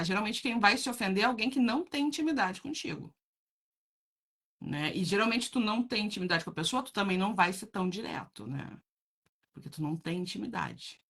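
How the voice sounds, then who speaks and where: A woman with a mid-range voice hosts a casual live chat, reading viewer comments with animation. She's blunt and frank, laughs often, and calls her viewers "gente."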